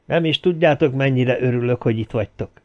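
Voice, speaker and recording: A man's voice: mid-range voice, close to an everyday voice. A man voicing a cheerful, boastful young man who tells his tale with bravado, in slightly dull lo-fi audio. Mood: excited, chatty. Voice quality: boastful, chatty.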